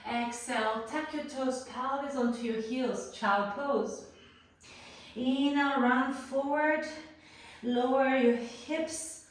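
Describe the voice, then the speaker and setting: A woman teaching a guided yoga class, calmly cueing breaths and poses, a little out of breath from moving while she talks. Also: high-pitched, slow pace. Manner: calm cueing of breath and poses, playful asides. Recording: roomy echo, voice far from the mic.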